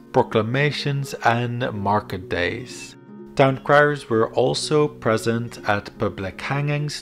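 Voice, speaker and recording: A man giving a scripted educational history narration in a measured, explanatory manner. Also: lowish voice. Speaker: video narrator. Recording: background music under voice. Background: instrumental music.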